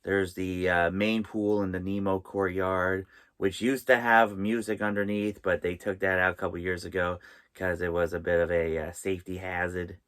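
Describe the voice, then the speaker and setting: A man hosting a vlog from inside a small RV trailer, presenting in a halting way with pauses mid-sentence. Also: sits low, level tone, fairly bright tone, clear, resonant tone. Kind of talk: vlog presenting, tips and top-five countdown.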